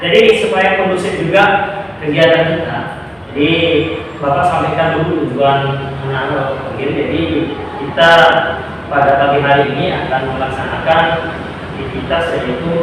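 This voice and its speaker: A man's voice: a little high, steady tone, moderate pace, pauses often. A male school counselor leading a group counseling session, patiently explaining and checking that everyone understands. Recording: echoey room from far off, noisy.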